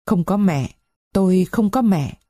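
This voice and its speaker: A woman's voice: medium pitch, expressive, a little slow, warm tone, no echo. Woman voicing a frightened orphan girl of fifteen, curt hesitant replies, dry close sound. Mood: uneasy.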